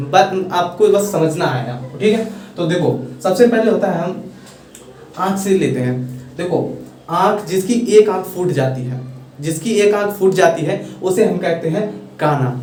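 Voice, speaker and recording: A young Indian man with an Indian accent teaching English vocabulary in a casual lesson, repeating and spelling out words slowly. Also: high-pitched, darkish tone. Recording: echoey room, far from mic, faint hiss.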